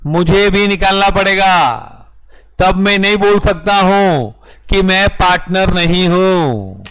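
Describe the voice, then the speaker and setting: High-voiced lecturer. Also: male voice, smooth, low-quality recording. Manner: animated, drills students with rhetorical questions; dictates definitions slowly in English. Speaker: law lecturer. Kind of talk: classroom lecture in Hindi mixed with English. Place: classroom with students.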